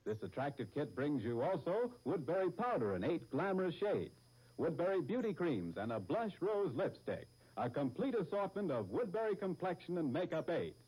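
A man's voice: a little high, big pitch swings, normal speed, a little mellow, slightly rough, rough recording. A man announcing in old 1940s radio style, reading sponsor copy in a polished, formal sales delivery. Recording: vintage radio broadcast recording.

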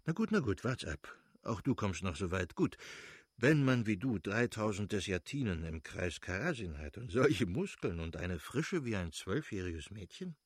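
A man voicing a cheerful, genial male nobleman official in a read-aloud novel, with a husky voice and a jovial, teasing manner. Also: fairly low pitch, big pitch swings, normal speed, no echo, studio quality. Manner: jovial, teasing, laughs easily.

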